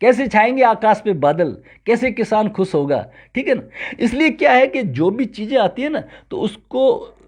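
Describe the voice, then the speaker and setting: Animated high-voiced man giving a spiritual lecture. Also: moderate pace. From Rajasthan, India. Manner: animated, recites Sanskrit verses. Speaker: yoga teacher.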